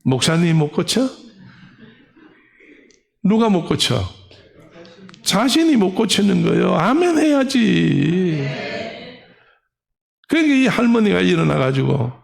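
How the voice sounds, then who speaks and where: A man's voice: high voice, very animated, normal speed, vocal fry, pauses often. A middle-aged male pastor preaching a sermon, telling a story animatedly and acting out the voices of old women.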